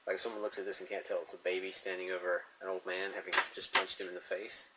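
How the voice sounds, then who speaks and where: An artist drawing on camera muses and chuckles to himself while chatting casually about comics and the sketch in front of him. His voice sits low with a level tone, he talks fast, and heavy noise fills the background.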